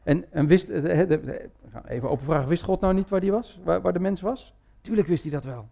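A man's voice: sits high, a little fast, gravelly, muffled recording. A man preaching a sermon in a church, talking in a conversational way with frequent tag words and restarts. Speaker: pastor.

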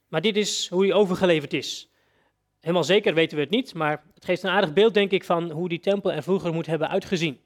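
A man preacher giving a sermon, telling a story vividly and addressing his listeners directly. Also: high voice.

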